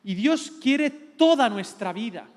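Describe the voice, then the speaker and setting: A middle-aged man with a Spanish accent from Spain, a pastor giving a lively, joking teaching sermon. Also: very high voice, slow. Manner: lively, joking, playful preacher. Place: large church hall. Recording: long hall reverb.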